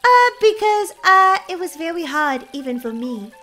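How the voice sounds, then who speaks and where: A woman's voice: extremely high pitch, sing-song, moderate pace, pushed and bright, faint music behind, exaggerated voice. A woman voicing a cheerful, studious young girl in a game role-play story. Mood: excited. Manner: bubbly, eager.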